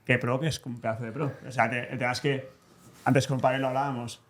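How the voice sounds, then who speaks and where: Enthusiastic slangy co-host. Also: male voice, medium pitch, level tone, fast. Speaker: podcast co-host. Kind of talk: casual podcast chat.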